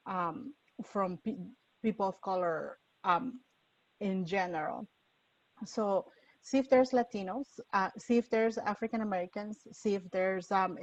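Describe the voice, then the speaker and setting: A woman moderating a webinar panel, speaking unscripted in a halting, earnest way with frequent pauses. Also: mid-range voice, no echo. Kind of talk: webinar discussion, unscripted call to action. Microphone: video call. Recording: dull, lo-fi, distant webinar mic.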